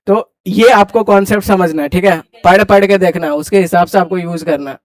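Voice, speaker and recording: Brisk high-voiced male classroom teacher. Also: no room sound. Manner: brisk, quizzing students and urging them to hurry. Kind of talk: classroom grammar lecture.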